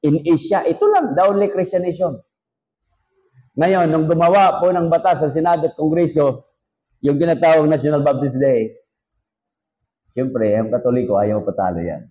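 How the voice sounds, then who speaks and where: A man with a Filipino accent teaches his congregation like a pastor, peppering the lesson with joking asides and rhetorical questions. His voice sits a little high for a man. The recording is dull and lo-fi. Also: normal speed, long pauses, warm tone. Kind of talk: sermon-style teaching to a congregation.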